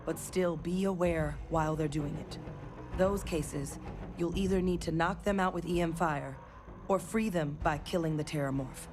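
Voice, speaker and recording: Low-pitched, seasoned woman officer, as acted, over music. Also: natural voice. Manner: businesslike, explanatory, urgent under threat. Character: seasoned, steady female officer companion. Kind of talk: video game dialogue.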